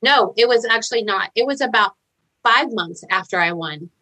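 A woman's voice: on the high side, expressive, normal speed, pushed and bright, poor audio. A woman hairstylist, a guest on an interview, talking in a chatty, effusive way, full of fillers. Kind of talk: casual interview chat.

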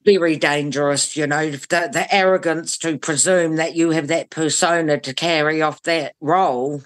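Woman, New Zealand accent, lower pitch, blunt, emphatic, conversational, opinionated interview guest. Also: steady tone, normal speed. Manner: blunt, emphatic, repeats phrases for stress.

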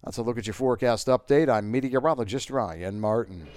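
A man's voice: medium pitch, fairly quick, darkish tone, clear, resonant tone, dry recording, studio quality. A man giving a conversational weather forecast as a radio meteorologist.

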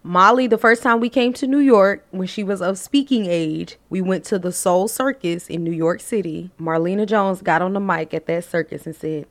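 A woman with a Southern accent, co-hosting a casual podcast chat and telling stories with lively, acted-out voices. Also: lowish voice. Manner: animated storyteller, acts out voices. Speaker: podcast co-host.

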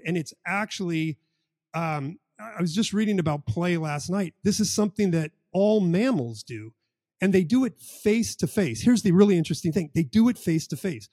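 Man, podcast co-host, emphatic, repeats phrases, slightly high voice, warm mellow tone. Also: lively intonation, moderate pace, no echo, studio quality. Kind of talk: conversational podcast discussion.

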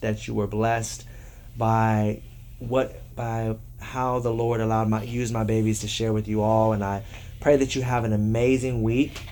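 A man with a slightly mellow mid-range voice hosts a devotional podcast, talking with children in an affectionate, encouraging way and often repeating his phrases. He is an adult and a father of three, and there's slight background noise.

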